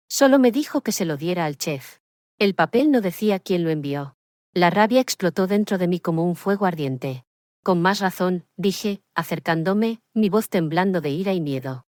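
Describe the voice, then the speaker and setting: An older woman telling a first-person story in a low, steady voice. The recording is dry and close, with no room sound around her. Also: dry recording. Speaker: narrator.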